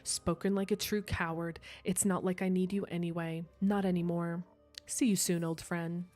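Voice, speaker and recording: A cool, mocking schemer who pulls the threads of fate, as a woman reading a visual novel puts the villain on. The voice sits fairly low and stays measured, with soft game music underneath. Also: little pitch movement, close to an everyday voice. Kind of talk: visual novel dialogue read aloud.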